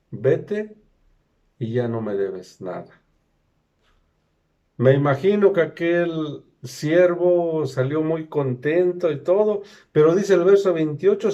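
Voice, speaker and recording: An earnest male preacher delivers a sermon with a slightly raised pitch and a mellow, dark tone. He stresses his points and repeats key phrases. The recording is dull and lo-fi.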